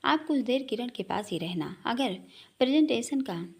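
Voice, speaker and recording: A woman's voice: fairly high pitch, expressive, moderate pace, gravelly, a little mellow, breathy edge, full character voice. A woman reading the lines of a caring young woman who speaks firmly and soothingly, in a storybook reading. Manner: firm, soothing.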